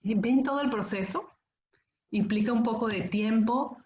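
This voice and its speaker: A middle-aged woman lectures parents in a calm, explanatory way, pausing to check that her listeners follow. The sound is roomy, as if she is speaking in a hall. The recording is a little dull and muffled. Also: fairly high pitch, a little hiss or hum. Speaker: school conference speaker.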